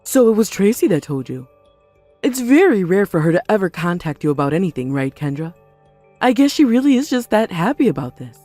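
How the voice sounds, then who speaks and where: Woman acting an animated, mellow-voiced female relative. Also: medium pitch, fairly quick, dry recording, soft background music. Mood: pleased. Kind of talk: scripted audio story dialogue.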